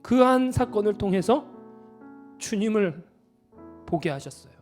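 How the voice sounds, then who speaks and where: A man preaching a Sunday sermon as pastor, pressing his listeners with rhetorical questions, then turning quiet and choked up as he confesses a personal story. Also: sits high, expressive, a little slow, soft background music. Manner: fervent preaching with rhetorical questions, dropping to soft emotional confession.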